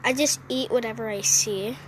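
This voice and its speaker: A woman's voice: fairly high pitch, steady tone, normal speed, slight background noise. A woman giving casual, playful commentary to her viewers while playing a mobile game, sitting outdoors on a roof. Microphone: phone.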